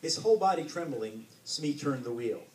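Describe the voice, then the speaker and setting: A man, an author, reading a story aloud to a bookstore audience with expressive narration. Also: fairly high pitch, normal speed. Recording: roomy, distant mic, faint hiss.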